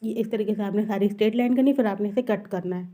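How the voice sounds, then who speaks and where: A woman walks through cutting a dress in a quick tutorial. Her voice is mellow and soft-edged, her pace brisk. She repeats each step patiently. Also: medium pitch. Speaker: tailoring teacher.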